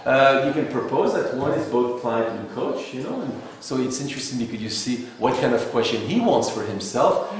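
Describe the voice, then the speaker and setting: A man from Algeria leading a philosophy workshop, lecturing a group in a wry, teasing way. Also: mid-range voice. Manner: teasing, wry, laughs between remarks. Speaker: philosophy seminar leader. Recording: echoey room, from far off, faint hiss.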